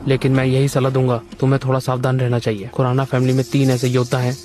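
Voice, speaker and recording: A man's voice: mid-range voice, completely flat delivery, fast talker, a little mellow, soft background music, lightly acted. An actor playing an earnest, worried middle-aged father in a dubbed fantasy drama. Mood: serious, cautioning. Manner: earnest, cautionary.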